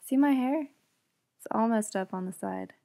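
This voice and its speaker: A woman's voice: fairly high pitch, moderate pace, dark tone. A woman co-hosting a podcast, chatty and eager, bringing up news in casual conversation. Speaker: podcast co-host. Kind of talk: casual chat.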